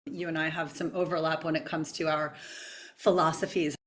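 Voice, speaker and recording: A woman from New York hosting an interview, playful and self-deprecating, with a slightly low voice. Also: little pitch movement, normal speed, a bit bright, a little hiss or hum. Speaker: podcast host.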